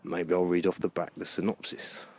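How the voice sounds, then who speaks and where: A man with a deep, darkish voice and flat delivery thinks aloud about books while strolling through a park, vlogger-style. He muses haltingly, pausing between phrases, and the outdoor recording has clear background noise.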